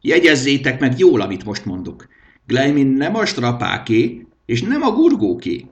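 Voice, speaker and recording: A man voicing a shrill, tyrannical king of lost things in a storybook reading, with a screeching high voice. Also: very animated, lo-fi sound. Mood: commanding.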